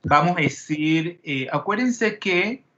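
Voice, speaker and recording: A man's voice: a little high, lively intonation, takes it slowly, bright, forceful tone, dull audio, slight background noise. A man teaching a chemistry class, peppering students with questions and wandering into digressions. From Panama. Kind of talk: classroom lecture.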